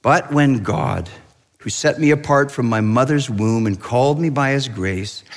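Man, pastor, sermon, chatty storytelling, middle pitch, long hall reverb. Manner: conversational storytelling with frequent restarts and asides.

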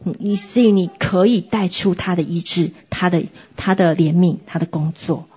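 A woman sharing a personal faith testimony in an earnest, reflective way, with many pauses and hesitations. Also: fairly low pitch, darkish tone, slightly rough, lo-fi sound. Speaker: church member sharing testimony.

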